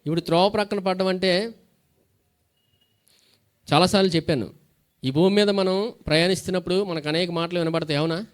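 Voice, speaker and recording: A man's voice: high voice, fairly quick, pauses often. A pastor preaching a sermon. He asks questions and answers them himself, and reads scripture aloud between plain explanations.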